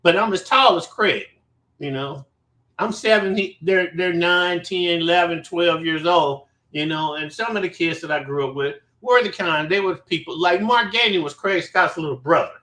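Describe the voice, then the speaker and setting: A man's voice: sits high, moderate pace, pushed and bright. A man telling a story about his childhood in a casual way. He talks bluntly, swears a lot and rambles. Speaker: show host. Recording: roomy echo.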